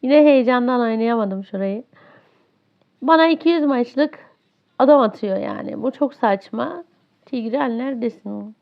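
A woman's voice: a little high, unhurried, creaky. A woman commentating her own online match, ranting with exasperation about a teammate who won't play. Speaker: gaming streamer. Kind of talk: live gameplay commentary. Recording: dull lo-fi audio.

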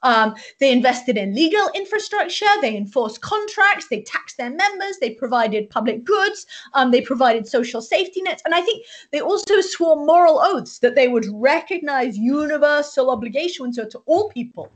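A woman's voice: high-pitched, lively intonation, normal speed, hardly any pauses. A woman hosting an academic interview, asking probing, long questions and often restarting her words. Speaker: host, interviewer.

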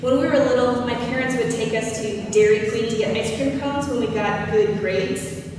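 A woman's voice: on the high side, moderate pace. Woman pastor preaching in an echoey church. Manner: chatty, asks the congregation questions. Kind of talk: conversational sermon. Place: church sanctuary. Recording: echoey hall from far off, noisy.

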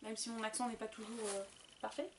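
An excitable young woman from France chats through an unboxing in a high, bright voice. She is loose, chatty and quick to swear. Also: slight background noise. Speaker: booktuber. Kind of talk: casual unboxing chat.

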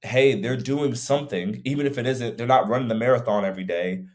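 A man's voice: mid-range voice, brisk, darkish tone. A young man, a fitness coach co-hosting a podcast over a video call, talking in a reflective, rambling way with many fillers. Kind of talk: casual podcast conversation. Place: room at home.

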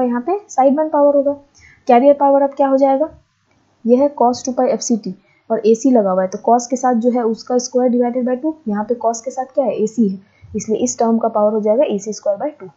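A woman teacher works through a derivation at a steady, patient pace and keeps asking herself the next question. Her tone is very dark and mellow and sits a little high. The lo-fi recording sounds muffled. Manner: patient, repeats steps and asks herself questions. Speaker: lecturer. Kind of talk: board lesson deriving formulas. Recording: dull lo-fi lecture audio.

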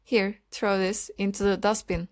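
A woman's voice: medium pitch, little pitch movement, measured pace, a little mellow, lightly acted. A woman voicing a proud young countess in an audiobook, reading her lines sharply and imperiously.

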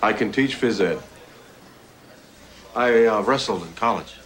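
A middle-aged actor playing an easygoing newcomer with dry humor who takes a teaching and coaching job. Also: male voice, on the low side, measured pace, lightly acted. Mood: laid-back. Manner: laid-back, dry humor. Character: easygoing male drifter turned teacher.

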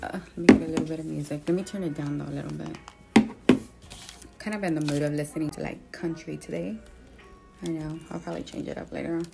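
A woman's voice: low-pitched, steady tone, fast talker, creaky, long pauses, loud music behind the voice. A woman in her thirties chatting casually to her phone as a challenge vlogger at home. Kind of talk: casual chat to camera. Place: small room at home, at a table. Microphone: phone at arm's length.

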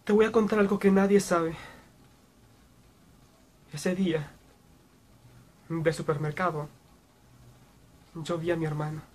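Casting: male actor playing guilt-ridden young man, high voice, sorrowful, anguished, halting delivery, dramatic monologue. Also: level tone, darkish tone. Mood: pained confession. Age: young adult. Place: small room, indoors.

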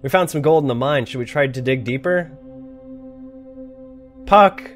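A man's voice: medium pitch, unhurried, faint music behind. A man commentating a game, reading its cards aloud and reacting with laughs and swearing. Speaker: gamer. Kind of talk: let's play commentary.

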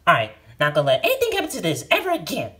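A woman's voice: fairly low pitch, wildly swooping pitch, very fast, fairly bright tone. A woman voicing a feisty young girl who guards a museum bowling pin, bouncy and shrieking when angry, with light music behind. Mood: playful. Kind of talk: amateur toy-movie voice acting.

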